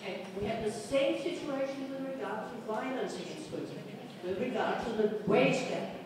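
An older woman with a Danish accent speaks earnestly from the audience, pausing and restarting as she goes. Her handheld mic is heard from a distance in a big, echoing hall with a long reverb tail. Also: a little high, expressive, background noise. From Denmark. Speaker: audience member at a panel. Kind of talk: speaking from the floor. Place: large conference hall, standing in the audience. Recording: roomy hall picked up from afar.

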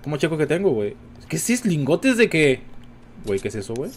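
A man with a Mexican Spanish accent giving casual, chatty commentary while streaming a game, talking to his viewers all the time and jumping into high-pitched exclamations. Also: sing-song, quick pace, slight background noise. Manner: chatty, addresses viewers constantly. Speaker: gaming streamer.

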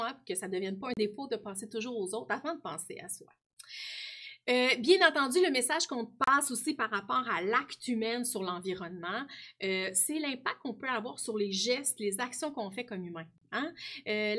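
A woman teacher explaining a book to her pupils, often adding a questioning tag. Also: on the high side. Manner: warm explaining, frequent tag "hein". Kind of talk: classroom lesson talking to students.

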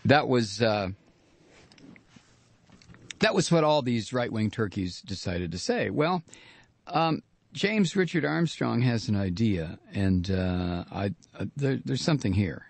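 A man's voice: fairly low pitch, animated, takes it slowly, vocal fry, pauses often. Sarcastic male radio talk host. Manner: sarcastic, indignant, mocking. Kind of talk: opinionated political radio monologue.

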